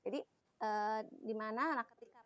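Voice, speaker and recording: A woman with a fairly high voice explains a lesson over a video call, pausing and restarting often. Her audio keeps breaking up, coming through dull and lo-fi in a very dry sound. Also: dry recording. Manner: halting, with frequent pauses and restarts. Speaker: presenter in a teacher training task.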